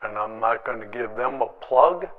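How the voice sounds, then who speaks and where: Over narrow, tinny audio, a man hosts an opinionated public access show, delivering a monologue to camera. His medium-pitched voice is expressive and moves at normal speed as he speaks bluntly and defiantly, repeating himself for emphasis.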